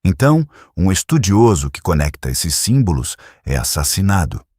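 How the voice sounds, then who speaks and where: Shrewd old detective for an audiobook, read by a man: measured and gently probing, a touch higher than the narration, husky edge, dry close sound. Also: sing-song, no echo, exaggerated voice. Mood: reasoning. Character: shrewd elderly male detective, calm and precise. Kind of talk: audiobook character reading.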